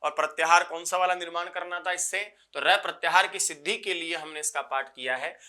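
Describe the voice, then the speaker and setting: A man teaching Sanskrit grammar for exams, repeating key phrases slowly, asking his students questions and reciting the rules in a measured chant. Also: fairly high pitch, steady tone, bright, forceful tone. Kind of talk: exam-prep grammar lecture.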